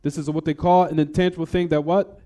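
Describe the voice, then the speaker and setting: He is a fast talker with a fairly high, level, mellow voice, teaching a religious lesson as an Islamic teacher. He reads a quotation, explains it, and repeatedly asks the class rhetorical "what?" questions. His speech switches between English and recited Arabic.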